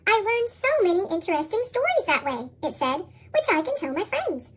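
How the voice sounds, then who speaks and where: A storybook reader whose voice runs through a chipmunk effect, squeaky and sky-high. The reading hops up and down in a lively sing-song and bounces through rhyming verse. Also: normal speed. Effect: sped-up, high chipmunk-style pitch shift. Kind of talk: reading picture books aloud.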